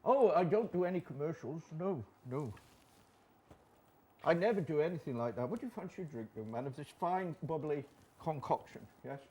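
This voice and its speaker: A man's voice: fairly high pitch, lively intonation, moderate pace, darkish tone, close to an everyday voice. A man playing a boozy, jolly old Santa Claus on a studio chat show, rambling and making self-mocking jokes. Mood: jovial.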